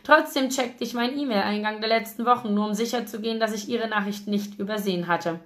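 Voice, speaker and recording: A woman reading a novel aloud in a lively, expressive audiobook narration. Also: on the high side, quick pace. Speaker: audiobook reader.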